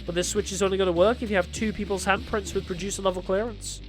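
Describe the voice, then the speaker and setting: A man's voice: high voice, steady tone, fast, faint music behind, lightly acted. A man voicing a taunting evil father and mastermind in a dramatic story, with a theatrical villain drawl.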